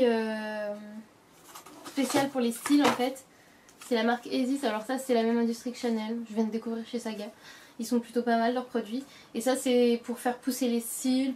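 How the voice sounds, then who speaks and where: Young woman beauty vlogger, rambling and casual, slightly high voice, recorded at home with clear background noise. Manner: chatty, many fillers and self-corrections. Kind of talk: casual product show-and-tell.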